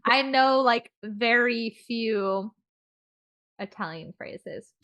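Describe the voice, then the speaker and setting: A woman's voice: on the high side, extremely slow, fairly bright tone. A woman from Florida co-hosting a casual book review podcast, chatty and often laughing. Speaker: podcast co-host.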